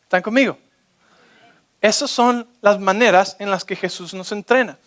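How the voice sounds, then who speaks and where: High-voiced pastor preaching. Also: male voice, normal speed. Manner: energetic, keeps checking in with the audience. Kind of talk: sermon.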